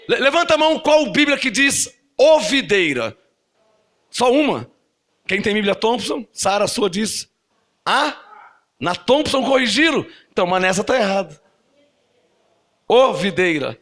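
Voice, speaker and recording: A man with a Brazilian Portuguese accent preaching a sermon to a congregation, animated and often asking them questions. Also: extremely high pitch. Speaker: apostle preaching. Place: church service.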